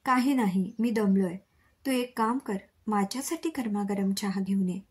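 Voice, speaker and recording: A woman voicing a stern, work-weary middle-aged father in a storybook reading, with a breathy voice. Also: medium pitch, normal speed, a little mellow, close to an everyday voice.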